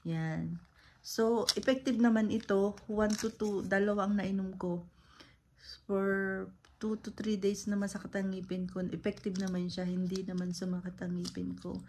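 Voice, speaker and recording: A woman's voice: medium pitch, little pitch movement, normal speed, darkish tone, a little hiss or hum. A woman from the Philippines chatting casually in a vlog, rambling with lots of fillers. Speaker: vlogger.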